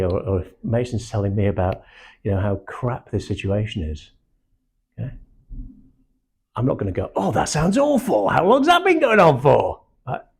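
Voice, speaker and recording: An older man with a hard-to-place English accent and a husky, mellow voice, running a sales training session for a small room. He talks bluntly and animatedly, swears casually and acts out little quotes. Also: on the low side. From Manchester, England. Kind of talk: live training talk to a small group.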